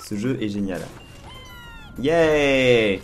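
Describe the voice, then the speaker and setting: Hoarse man commentating on a video game. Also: mid-range voice, animated. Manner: repeats words in quick bursts. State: hoarse, worn-out voice. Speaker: let's play host. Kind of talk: casual excited gameplay commentary. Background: video game music.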